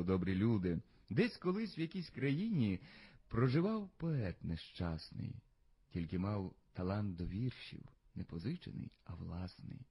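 A man reading a verse tale aloud as the storyteller, in an expressive, sing-song recitation. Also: medium pitch, breathy edge.

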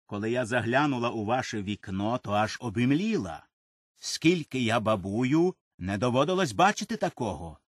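A man voicing an old village midwife who speaks calm and secretive in a storybook reading. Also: medium pitch, moderate pace, no room sound, clean studio sound, natural voice. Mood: mysterious.

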